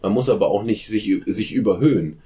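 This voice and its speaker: A man's voice: on the low side, a little fast, dark tone. A man in a casual group discussion who speaks emphatically and often stumbles over and repeats his words. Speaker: discussion participant.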